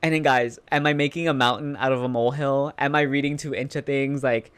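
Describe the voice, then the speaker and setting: Clear-voiced man chatting casually, emphatic. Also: mid-range voice, steady tone, fairly quick, fairly bright tone. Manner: informal, emphatic, repeating phrases for emphasis. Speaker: reaction video host. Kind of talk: casual chatty commentary on a TV show.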